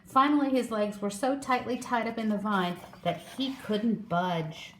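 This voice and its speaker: A woman reading a children's story aloud in a slow, expressive way. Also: mid-range voice, a little hiss or hum. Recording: echoey room.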